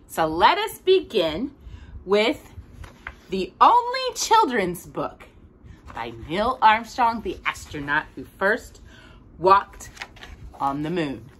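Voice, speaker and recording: Reading a picture book to a child, a middle-aged woman hosts storytime indoors in a small space filled with bookshelves. She speaks at a medium pitch in a bright, forward voice, her expressive delivery swooping and lively. Taking each phrase unhurriedly, she leans hard on the words that matter.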